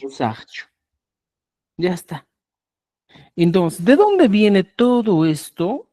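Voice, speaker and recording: Slow, mellow-voiced language teacher. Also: mid-range voice, wildly swooping pitch. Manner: slow, repetitive, checks understanding with frequent "¿ya?"; spells out example phrases syllable by syllable. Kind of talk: online class lecture.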